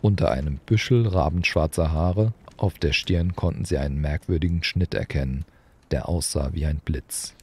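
A man reading a children's audiobook aloud in an expressive storytelling manner. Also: rumbling low, moderate pace, slightly rough. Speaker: audiobook reader. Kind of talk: audiobook narration.

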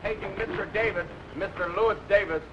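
An actor playing a polite hotel lobby announcer, heard as a soft paging announcement over a loudspeaker. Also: male voice, high voice, fairly even intonation, a little fast. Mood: announcing. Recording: dull, distant vintage TV audio.

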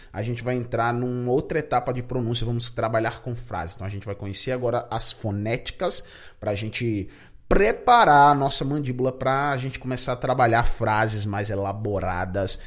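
A Brazilian man teaches English pronunciation on his podcast, pitched in the middle of the range for a man. He drills each word slowly, again and again, and stops often to check his listeners are following. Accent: Brazilian Portuguese. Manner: drills words slowly, repeating each one and checking in with "beleza?".

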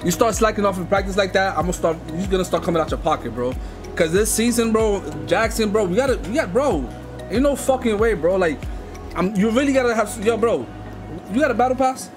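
A young man pranks callers from an indoor home streaming room, headset on and music underneath. He sounds high-pitched, expressive and a little fast, pushing and demanding with lots of street slang.

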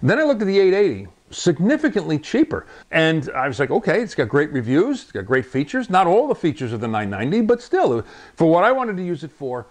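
In his home radio room, a man in his sixties who hosts a ham radio channel unboxes a radio on a lapel mic, chatting casually and rambling a bit in this laid-back unboxing vlog. His fairly high voice is very animated and a little fast. He's chatty and chuckles often.

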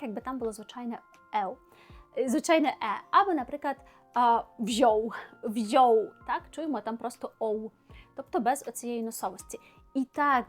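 A woman teaching Polish pronunciation, explaining patiently and clearly, demonstrating sounds slowly and repeating them. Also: fairly high pitch.

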